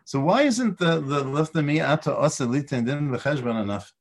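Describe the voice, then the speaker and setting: A man's voice: fairly high pitch, lively intonation, moderate pace. A man teaching a Torah class, with lots of stammered restarts and rhetorical questions. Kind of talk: lecture on Pirkei Avot.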